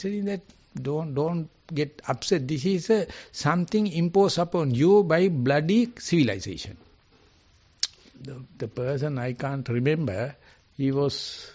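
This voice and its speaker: A man with a Sri Lankan accent, a Buddhist monk giving an informal dharma talk in an earnest, halting way, often pausing to search for words. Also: mid-range voice, darkish tone, muffled recording.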